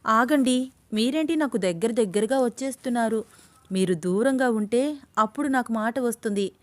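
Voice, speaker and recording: A woman's voice: moderate pace, no room sound, close to an everyday voice. A woman voicing a young woman in love who is agitated and fiery, in an audio story. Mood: frightened. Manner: shrill, agitated pleading.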